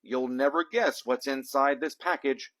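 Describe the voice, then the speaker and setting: A man voicing a bold, taunting mouse captain who shouts like a storybook hero. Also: mid-range voice, a little slow, pitched above the performer's own voice, natural voice. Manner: shouting, goading.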